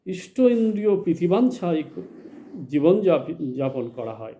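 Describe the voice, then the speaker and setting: A man teaching a spiritual lesson in a measured, explanatory way, asking questions and then answering them himself. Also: a little high, very animated, dark tone. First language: Bengali. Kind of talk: slow spoken religious lecture.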